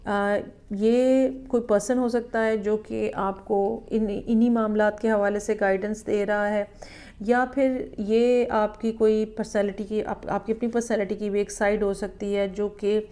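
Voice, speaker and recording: A woman giving a weekly tarot horoscope reading in a measured, explanatory way, often checking in with the listener. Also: medium pitch, flat delivery, dark tone. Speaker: tarot reader.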